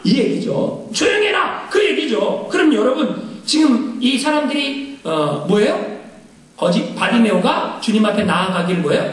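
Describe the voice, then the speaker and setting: A male pastor preaching an animated sermon, firing rhetorical questions at the congregation and shouting out quoted scripture. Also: extremely high pitch. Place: church sanctuary. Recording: echoey church hall, mic at a distance.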